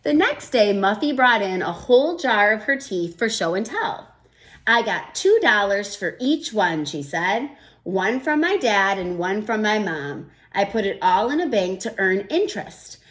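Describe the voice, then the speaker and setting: Reading a children's picture book aloud at a measured pace, a woman with a medium-pitched voice pauses now and then to explain her thinking the way a teacher would. Her storybook delivery is gentle and expressive, broken up by thinking-aloud comments.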